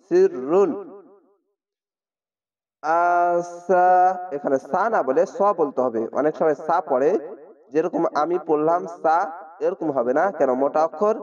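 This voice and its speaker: A man teaching Quran reading in Bengali, spelling out each syllable and then chanting the whole word slowly and drawn out. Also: a little high, darkish tone. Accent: Bangladeshi Bengali. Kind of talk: slow spelled-out recitation lesson. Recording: distant dull lo-fi recording.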